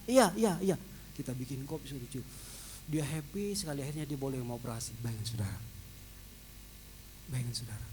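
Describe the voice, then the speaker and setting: Animated male pastor. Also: medium pitch, fast, pauses often, slight background noise, rough recording. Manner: lively, animated storytelling that shouts out quoted voices. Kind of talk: storytelling sermon. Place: large church. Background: worship music.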